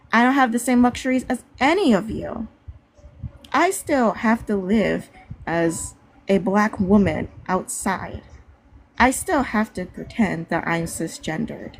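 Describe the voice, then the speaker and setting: A woman speaks bluntly and fiercely during a live panel discussion. She swears often and talks straight to her listeners. Her pitch sits in the middle of the usual range. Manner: blunt, fiery and profane.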